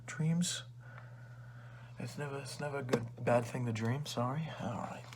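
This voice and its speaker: A man's voice: mid-range voice, a little slow, noisy background, close to an everyday voice. A man playing a rude, condescending librarian who sells used books, in an ASMR role-play with chummy but insulting salesman-like patter. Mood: teasing, murmuring. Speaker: ASMR performer.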